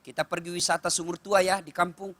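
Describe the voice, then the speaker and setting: A man voicing a scheming village husband who is fed up with his nagging wife, talking low and coaxing in a comic sermon story. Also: little pitch movement, quick pace, a bit bright, no echo. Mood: sly.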